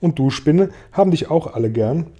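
A man's voice: on the high side, expressive, normal speed, warm tone. A man voicing a curious, kind young boy who asks friendly questions, in an audiobook reading. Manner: inquisitive and friendly.

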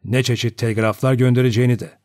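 A man voicing an elderly judge who speaks in a cold, deliberate and authoritative way, in an audiobook. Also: medium pitch, steady tone, a little mellow, dry recording, clean studio sound, natural voice. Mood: grave. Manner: measured, deliberate. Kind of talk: audiobook character voice.

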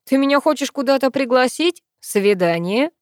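A woman's voice: high voice, animated, normal speed, no echo, studio quality, voice pushed up. Woman doing a cocky young guy. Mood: amused. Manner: smirking, laid-back. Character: relaxed cocky young man, joking and amused.

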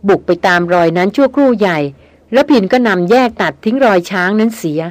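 A woman narrating an adventure novel in a steady storytelling read. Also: medium pitch, brisk, no echo. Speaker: audiobook narrator. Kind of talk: scripted narration.

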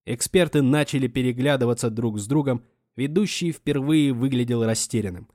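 A man reading a dark story aloud in steady scripted narration. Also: mid-range voice, moderate pace, no room sound, studio quality. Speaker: audiobook narrator.

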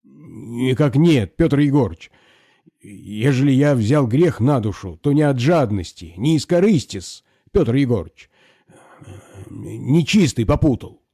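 A man voicing a timid lame peasant poacher who pleads in a trembling, stammering falsetto. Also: expressive, slow, warm tone, husky, no room sound, clean studio sound, exaggerated voice. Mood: pleading.

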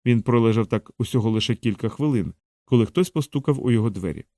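Steady male audiobook narrator. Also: medium pitch, dry recording, clean studio sound. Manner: steady, measured reading.

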